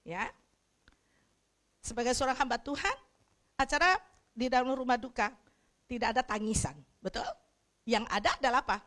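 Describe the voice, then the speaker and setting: A middle-aged woman pastor preaching a sermon bluntly, now and then breaking into loud shouts. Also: on the high side, moderate pace, long pauses. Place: church hall, livestreamed.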